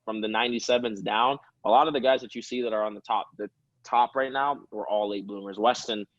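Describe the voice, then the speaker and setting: A guest in a casual interview, this pro soccer player in his early twenties speaks a little fast in a fairly low voice, rambling easily and laughing often. There's no echo, though the recording is muffled.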